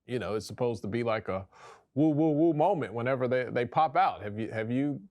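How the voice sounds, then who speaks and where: A male talk show host with a mid-pitched voice. His intonation swings widely as he banters and jokes casually. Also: fairly quick, lo-fi sound. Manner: animated, joking.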